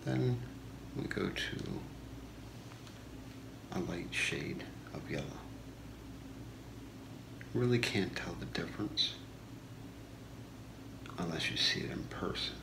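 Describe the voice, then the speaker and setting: A man in his thirties doing a whispered role-play as a shopping channel host, soft-spoken, with a slow, deliberate product pitch in a small room. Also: animated. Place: small home room, indoors. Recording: echoey room with clear background noise.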